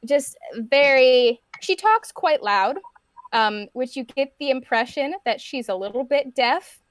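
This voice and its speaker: A woman's voice: sits high, unhurried, dry recording. A woman narrating as game master in a chatty way, with frequent fillers.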